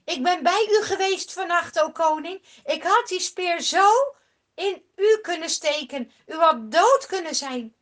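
A woman voicing a young man who shouts loudly across a valley and pleads with a king. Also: extremely high pitch, slow, voice pushed up, heavily acted. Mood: pleading. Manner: loud, pleading calls.

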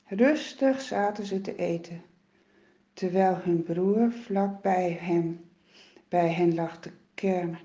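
A woman telling a children's Bible story in a slow, expressive way, with dramatic rises and falls. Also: on the low side. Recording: roomy, dull lo-fi sound.

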